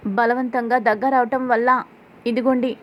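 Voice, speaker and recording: A young wife pleading with her husband in a plaintive voice, as a woman storyteller voices her. Her pitch is slightly high. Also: little pitch movement, normal speed, close to an everyday voice, rough recording.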